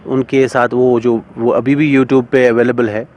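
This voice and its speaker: A middle-aged man, a singer and composer being interviewed, speaking thoughtfully with many pauses and fillers. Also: mid-range voice, level tone, a little mellow. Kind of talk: casual interview talk.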